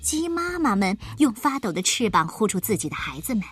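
A woman narrating a children's storybook with expressive, lively delivery. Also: medium pitch, a little fast, slightly rough, soft background music.

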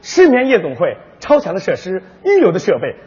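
A man's voice: high voice, wildly swooping pitch, brisk, a little mellow, husky. A man playing the crosstalk partner, cutting into the story with parodies of commercial slogans. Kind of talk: comic crosstalk, mock advertising jingles. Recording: dull sound with long hall reverb.

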